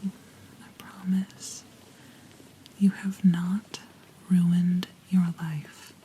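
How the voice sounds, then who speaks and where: A woman whispering a gentle, reassuring ASMR pep talk up close to the microphone, pausing mid-sentence in a soft, breathy unvoiced whisper. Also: fairly low pitch, level tone, poor audio. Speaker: ASMR host.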